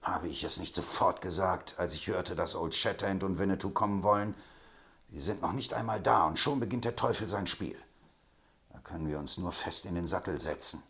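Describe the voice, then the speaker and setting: A man's voice: deep voice, a little fast, a bit bright. A man reading aloud, voicing an agitated male swindler who exclaims and schemes in a storybook. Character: scheming male swindler, middle-aged, excitable.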